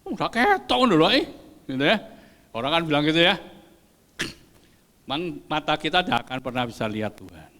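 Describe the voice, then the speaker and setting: Older pastor preaching in a hall. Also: male voice, a little high, a little fast, pauses often. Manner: lively, joking with the congregation, mixing in Javanese. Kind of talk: sermon. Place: church hall. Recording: long church hall reverb.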